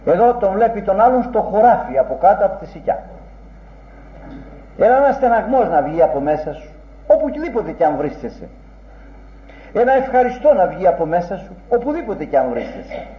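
A man with a high-pitched voice delivers an earnest, rhetorical sermon, leaning on old-fashioned phrasing. The recording is dull and muffled, and it rings in a roomy space. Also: big pitch swings, long pauses. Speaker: preacher. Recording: dull, echoey room recording.

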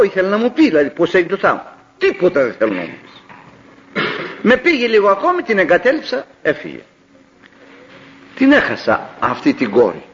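An older man from Greece, a preacher telling a story in a sermon, acting out the dialogue with animated delivery. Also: high voice. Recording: dull lo-fi old recording.

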